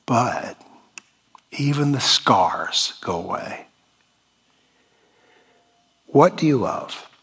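A man preaching a sermon as pastor, measured and emphatic with long pauses. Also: lowish voice, a bit bright.

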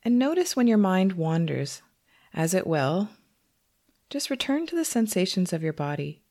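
A meditation teacher, a woman with a lowish voice, guides a meditation gently and slowly with long pauses, yet her delivery is very animated.

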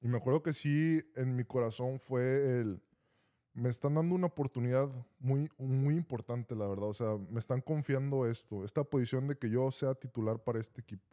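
A man's voice: mid-range voice, normal speed, mellow. A Mexican man co-hosting a podcast, telling stories in casual slangy chat, often saying vato. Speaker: podcast co-host.

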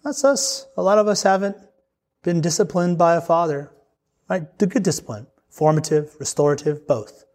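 A man's voice: on the high side, expressive, normal speed, a little mellow. Casually joking male preacher. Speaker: pastor. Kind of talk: sermon to young men.

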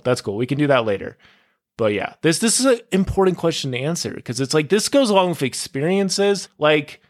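Young man, podcast host, casual solo talk, fairly high voice, rambling, tangent-prone. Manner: rambling, goes off on tangents, full of "like" and "dude".

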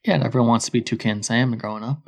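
A man's voice: mid-range voice, racing, gravelly. Wry male podcast co-host. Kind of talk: casual chat.

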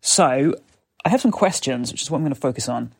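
A man's voice: mid-range voice, expressive, a little fast, gravelly, breathy edge. British guy chatting through advice on his podcast, just talking into a phone voice recorder, dictaphone recording, no polish. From Britain. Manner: chatty, explanatory. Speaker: podcast host and gun dog trainer. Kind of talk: casual solo podcast talk. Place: parents' house. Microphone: mobile phone voice recorder.

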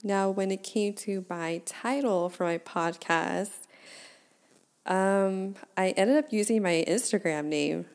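A woman in her twenties hosts her own podcast solo, speaking slowly in a medium-pitched, slightly mellow voice. She's candid and chatty and laughs at herself as she goes.

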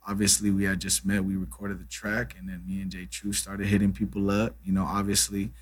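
With a low voice, completely flat delivery and a fairly quick pace, a guest musician chats casually in an interview. He's a Brazilian man in his thirties who speaks Portuguese natively, easygoing and fond of "you know" and "man."

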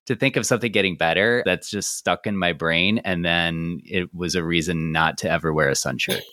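A man co-hosting a casual podcast with a low voice. He thinks aloud in a rambling way with lots of fillers. The sound is dry and close. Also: normal speed, sharp tone, no room sound. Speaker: podcast co-host.

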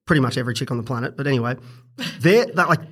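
A young man on a podcast, telling a story in a crude, casual way and swearing freely, getting animated as he goes. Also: mid-range voice, rapid-fire. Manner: crude, swears a lot, animated when retelling stories. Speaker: podcast guest.

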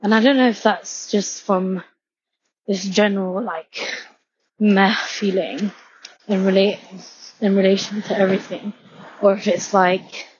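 A woman's voice: mid-range voice, steady tone, a little slow, pauses often, breathy edge, lo-fi sound. A woman in her twenties rambling in a walk-and-talk vlog, out of breath as she walks outdoors and filling her talk with "like". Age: 20s. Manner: rambling, heavy use of filler "like". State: out of breath from walking. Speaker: vlogger. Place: outdoors, walking home from a station.

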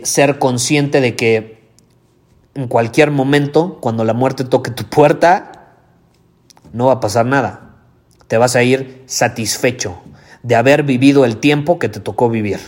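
A man's voice: mid-range voice, darkish tone. A man hosting a podcast. He gives a motivational monologue with emphatic delivery, repeats key phrases and swears casually. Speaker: podcast host.

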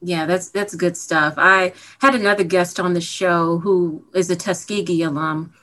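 A woman's voice: fairly low pitch, fairly even intonation, moderate pace, a bit bright. A woman hosting a podcast interview, chatty and playful, laughing often. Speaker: podcast host. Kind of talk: casual interview chat.

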